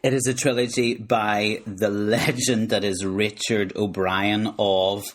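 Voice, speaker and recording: A man's voice: fairly low pitch, level tone, takes it slowly. A man with a Northern Irish accent co-hosting a podcast, casual and jokey, teasing his co-host and laughing often. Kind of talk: casual chat.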